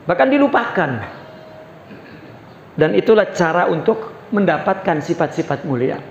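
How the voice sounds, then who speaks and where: A man with an Indonesian accent, a religious teacher giving a sermon in a study hall, telling stories with short pauses and frequent affirming "ya". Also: on the high side, a little hiss or hum. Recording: dull roomy recording in a hall.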